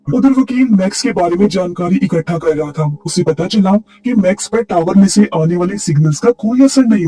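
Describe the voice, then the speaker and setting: A man with a high, mellow voice narrates a movie recap at a steady storytelling pace. Faint music plays beneath his voice.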